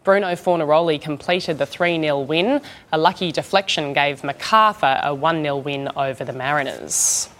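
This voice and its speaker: A woman's voice: sits low, moderate pace, hardly any pauses, fairly bright tone. A woman with an Australian accent presenting a scripted news bulletin.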